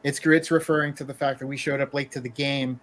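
A man in a casual podcast chat about his YouTube channel, animated and laughing often. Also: medium pitch, quick pace. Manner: animated, laughs often, trails off mid-sentence.

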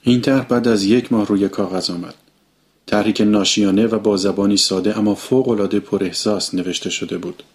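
A man's voice: fairly low pitch, fairly even intonation. A man reading a story aloud as an audiobook, sharing narration and character lines.

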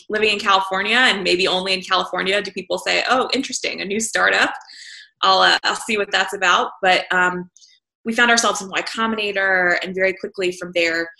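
A woman's voice: mid-range voice, creaky, pushed and bright, echoey room. A woman entrepreneur from the American South telling her story in a casual interview, with frequent fillers. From Southern United States. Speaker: entrepreneur guest.

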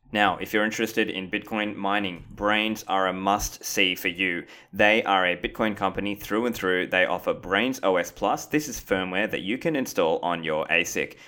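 Deep voiced guy hosting a podcast, reads his ads steady and measured. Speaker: podcast host. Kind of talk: scripted intro and ad reads, then interviewing.

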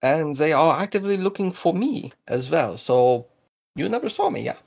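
A man's voice: fairly high pitch, animated, normal speed, vocal fry, a little mellow, voice pushed up. A man voicing a shady male smuggler with a put-on Russian-German accent and a fussy, affected way of talking. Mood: conspiratorial. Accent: mock Russian-German. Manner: fussy, affected foreign lilt.

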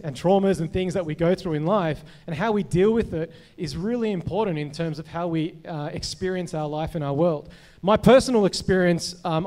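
A man, a psychologist sharing his testimony from the pulpit. His voice sits high for a man, and he talks in a loose, chatty way, full of "um" and "you know" and restarting his sentences. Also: darkish tone. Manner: conversational, many fillers and restarts. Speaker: guest speaker, psychologist. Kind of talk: personal testimony sermon.

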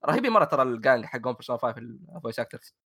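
A man's voice: mid-range voice, very animated, very fast, creaky, fairly bright tone. A man chats casually as a gaming show co-host, mixing in English words and phrases and repeating words for emphasis like an enthusiastic fan. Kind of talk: casual chat about video games.

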